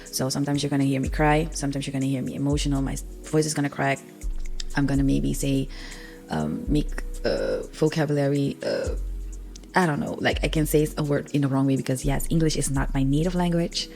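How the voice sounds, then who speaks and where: A young woman with a Surinamese accent, whose first language is Sranan Tongo, hosts a personal spiritual podcast, sounding earnest, raw and confessional with many ums. Her voice is a rumbling low, mellow and fairly quick, sniffly from a cold, over soft background music.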